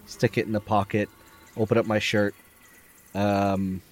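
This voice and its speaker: A man plays a tabletop horror game, narrating his character's moves with wry, hesitant asides. His voice sits fairly low. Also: flat delivery, unhurried. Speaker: player.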